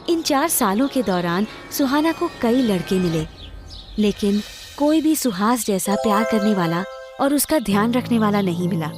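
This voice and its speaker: A woman telling a moral story in a steady, scripted narration. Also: medium pitch. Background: background music.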